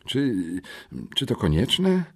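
Casting: a man doing a jittery hungry schoolboy, stammering, husky tone. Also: medium pitch, big pitch swings, slow, exaggerated voice. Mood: frightened. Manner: stammering, pleading.

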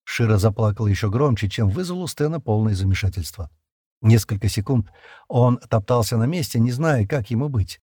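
A man reads an audiobook chapter with a lively, expressive pitch. His voice is a touch husky, recorded close and dry. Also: a little fast, no room sound. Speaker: audiobook narrator. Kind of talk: scripted narration.

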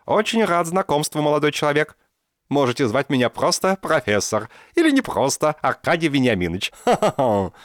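A man voicing an excitable, theatrical professor in his sixties who rolls his R softly, in an audiobook. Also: fairly high pitch, a little fast, no room sound, studio quality, voice pushed up. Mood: effusive. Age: 60s. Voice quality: soft burred R. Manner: theatrical, exclamatory. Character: excitable old male professor, theatrical and haggling. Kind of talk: audiobook character voice.

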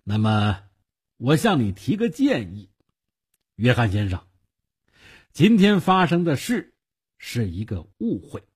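A man voicing a shrewd, wealthy older uncle who talks in a measured, quietly persuasive way, with a husky voice. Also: medium pitch, huge pitch swings, exaggerated voice. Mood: calm scheming.

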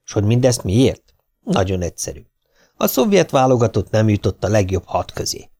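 A man reading a first-person sports memoir aloud as an audiobook, with dry humor and lively voiced quotes. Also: fairly low pitch. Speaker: audiobook narrator.

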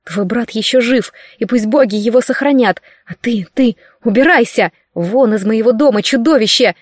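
A woman's voice: a little high, normal speed, no echo, clean studio sound, natural voice. A woman reading an audiobook, voicing a frightened, furious young bride with a strained, hissing delivery.

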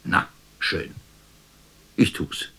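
Scornful and grandiose, a man's fairly bright voice brings to life a weary stage actor who mocks himself in a radio drama monologue. He delivers the lines in halting declamation dripping with bitter irony, frequently fading into a breathy whisper.

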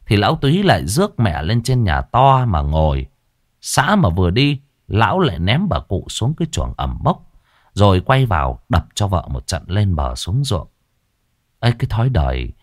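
A man narrating a dramatic village story in an expressive storytelling style. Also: deep voice, no echo, clean studio sound.

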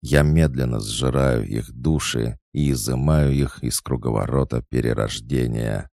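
A man voicing a growling, menacing ancient male god of death who speaks slowly and commandingly. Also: a bass voice, dark tone, no room sound, studio quality, heavily acted. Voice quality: growling, rasping laugh.

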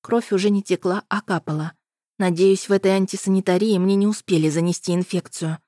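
A woman's voice: mid-range voice, steady tone, a little fast, warm tone, no room sound, clean studio sound. A woman reading a first-person novel aloud as an audiobook narrator.

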